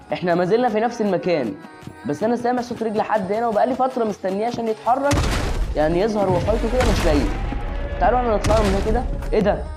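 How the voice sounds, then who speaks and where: Fast-talking Egyptian woman narrating gameplay. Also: medium pitch. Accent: Egyptian Arabic. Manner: excitable, chatty, talks straight to the viewer. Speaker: gaming channel host. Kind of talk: shooter gameplay commentary. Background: game music and gunfire.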